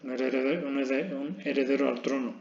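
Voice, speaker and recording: A man's voice: medium pitch, fairly even intonation, brisk, creaky, a little mellow. A man with a Spanish accent teaching an English grammar lesson, explaining step by step and often checking in with his listeners. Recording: echoey room, dull lo-fi sound.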